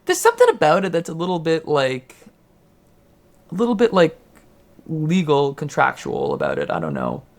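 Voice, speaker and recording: A man co-hosting a casual podcast chat, telling stories in an animated, jokey way. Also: a little high, normal speed, vocal fry, long pauses. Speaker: podcast co-host.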